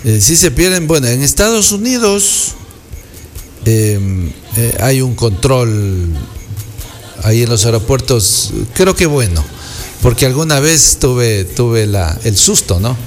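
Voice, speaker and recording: Man, an unhurried anecdote teller with a mid-range voice, faint music behind. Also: mid-range voice, lively intonation. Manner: unhurried, meandering storyteller. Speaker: guest, an architect. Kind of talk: casual anecdote telling.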